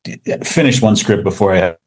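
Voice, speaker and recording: Speaking a little fast with a breathy edge, a man with a low-side voice rambles through an interview as a comic book writer. He talks casually and wryly, poking fun at himself and leaning often on "like" and "you know".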